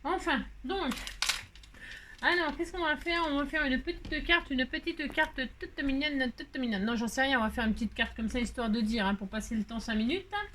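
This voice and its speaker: A woman with a high voice chats casually while she crafts, rambling from one thing to the next and joking as she goes. She fills her talk with little fillers and sounds hot and a bit worn by the heat. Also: moderate pace, a bit bright, a little hiss or hum. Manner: rambling, playful, chatty with many fillers and jokes. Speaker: crafting vlogger.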